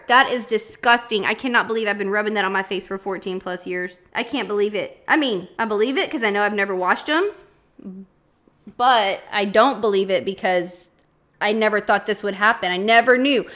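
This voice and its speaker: A woman vlogging casually as she demonstrates a task, chatty and animated, with dramatic exclamations. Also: fairly high pitch. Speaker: beauty vlogger.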